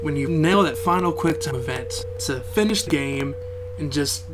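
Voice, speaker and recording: A man speaking expressively and excitedly to camera about gaming. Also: on the high side, normal speed, heavy background noise. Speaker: gamer interviewee. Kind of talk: personal testimony to camera.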